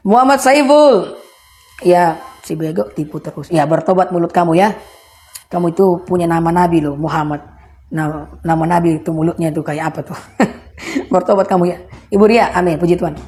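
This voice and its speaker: A woman's voice: lowish voice, darkish tone. Emphatic woman preaching a livestream sermon. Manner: emphatic, repetitive, addresses listeners as brothers and sisters.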